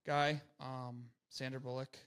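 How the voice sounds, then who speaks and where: A young man co-hosting a podcast in a mid-pitched, ordinary voice. He is laid back and thinks out loud, half reading and half guessing at how things happened. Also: flat delivery, a little slow, smooth. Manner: easygoing, speculative, reading news aloud. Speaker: podcast co-host. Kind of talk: casual podcast chat.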